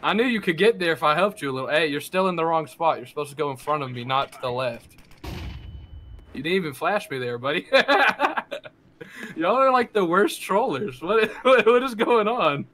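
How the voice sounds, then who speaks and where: Young male gamer, fairly high voice, teasing and sarcastic. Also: sing-song, moderate pace, fairly bright tone, slight background noise. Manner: mocking, laughing teaser. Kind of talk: casual game voice chat.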